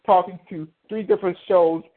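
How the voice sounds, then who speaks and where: A man's voice: sits high, fairly even intonation, brisk. A man calling in to a talk show, speaking hesitantly with many restarts. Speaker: caller and show guest. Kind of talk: casual call-in chat. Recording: tinny phone line.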